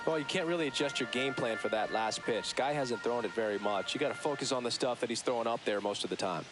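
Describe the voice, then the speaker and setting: A man's voice: medium pitch, quick pace, music in the background, natural voice. A man playing an analytical baseball color commentator, giving conversational, opinionated analysis over noisy ambience. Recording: noisy outdoor ambience behind voice.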